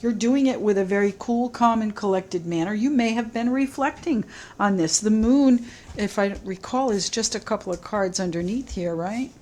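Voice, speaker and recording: A woman giving a solo tarot reading to camera, musing gently and repeating her phrases, a little choked up. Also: mid-range voice, moderate pace, low-quality recording. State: slightly choked up, clearing throat. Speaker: tarot reader.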